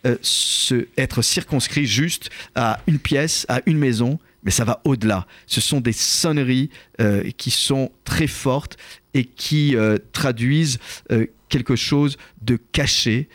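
A man hosting a radio talk show, explaining scripture in a measured, thoughtful way with frequent hesitations. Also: medium pitch, fairly bright tone, no echo.

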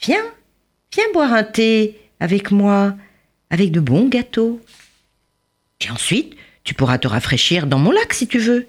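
A woman voicing a gentle, kind female fairy of a magic lake, speaking softly and tenderly in a breathy voice. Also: mid-range voice, very animated, unhurried, pauses often, voice pushed up. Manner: soft and tender.

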